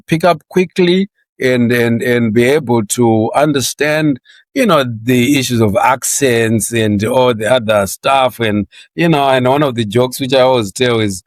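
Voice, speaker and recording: A man's voice: medium pitch, unhurried, no echo. Zimbabwean man in his sixties, chatty and dry. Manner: chatty, laughs often, repeats words when starting sentences. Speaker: interview guest. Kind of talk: conversational career interview.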